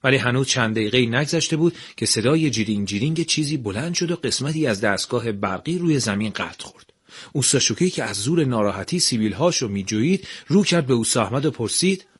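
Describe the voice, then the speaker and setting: Husky-voiced male radio storyteller. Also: medium pitch, expressive. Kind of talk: scripted radio story narration.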